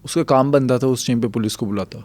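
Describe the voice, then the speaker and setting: A man's voice: mid-range voice, a little mellow, no echo. A man interviewing a guest, asking short, probing follow-up questions.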